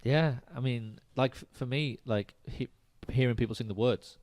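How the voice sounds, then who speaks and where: A man, a band musician chatting on a podcast in a studio, who speaks quickly and often jumps in. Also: mid-range voice, darkish tone, no room sound. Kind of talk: casual podcast chat.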